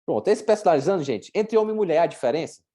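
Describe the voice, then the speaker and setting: A Brazilian Portuguese-accented woman presents an informal sports nutrition workshop, blunt and chatty, full of slang and acted-out examples. Her voice is on the low side and warm, racing along with lively intonation.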